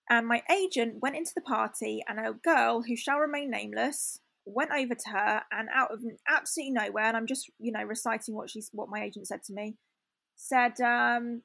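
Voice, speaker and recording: Chatty young woman with a gravelly voice. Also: a little high, a bit bright, dry recording. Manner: candid, chatty, many fillers and restarts. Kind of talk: casual storytelling chat.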